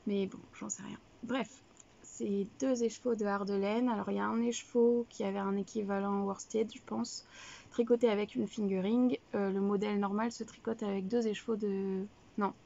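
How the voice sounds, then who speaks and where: A woman's voice: medium pitch, fairly even intonation, moderate pace, vocal fry, dark tone, highs cut off. A young woman hosting a knitting video podcast, chatting casually and rambling with many fillers and self-corrections. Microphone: camera, showing items to viewers.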